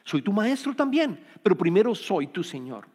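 Preacher, male, slightly high voice, earnest sermon delivery with repeated phrases, recorded in a reverberant hall. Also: big pitch swings, moderate pace, a little mellow, husky. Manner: earnest, repeats key phrases, restarts words. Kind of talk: Bible-study sermon.

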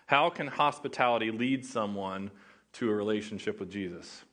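This sermon comes from a young guest pastor from Oklahoma whose voice is on the low side and fairly bright, at a moderate pace. He has an Oklahoma accent and jokes casually, chatting with his audience.

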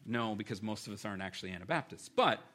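Bright-voiced man preaching a lively sermon. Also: lowish voice, quick pace. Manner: animated, emphatic preaching with sudden drops to quiet. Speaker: pastor.

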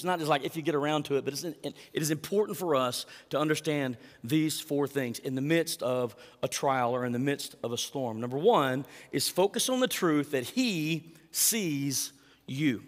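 A man's voice: a little high, moderate pace, in a large hall. A male pastor preaching a sermon, reading scripture aloud with dramatic emphasis and asking the congregation for responses.

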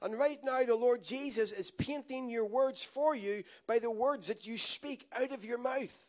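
Male pastor, very high voice, emphatic call-and-response preaching. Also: moderate pace. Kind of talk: sermon.

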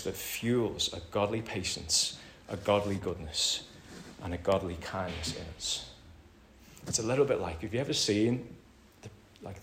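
A man with a British accent preaching a sermon in a conversational way, calling the congregation "folks" and swinging between loud emphatic lines and soft quiet asides. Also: lowish voice, slight background noise. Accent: British English. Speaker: pastor. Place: church hall. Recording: roomy church hall with faint ambience.

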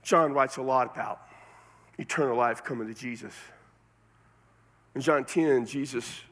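A man from Texas with a Texan accent preaches in a relaxed, folksy way, full of homespun sayings and asides to the congregation. His voice sits at an ordinary middle pitch. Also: unhurried. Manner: folksy, conversational preaching with colloquialisms. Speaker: pastor. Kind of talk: sermon.

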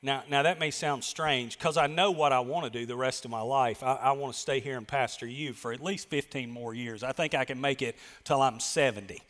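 A man's voice: mid-range voice, brisk, hardly any pauses, a bit bright, in a large hall. A man in his fifties, a pastor giving a conversational sermon to his congregation in a folksy, self-deprecating way. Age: 50s. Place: church sanctuary.

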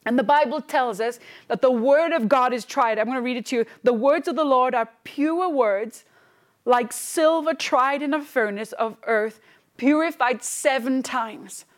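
A woman's voice: high-pitched, measured pace. A woman in her thirties, a pastor preaching a fervent, emphatic sermon and repeating phrases for stress. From Wales.

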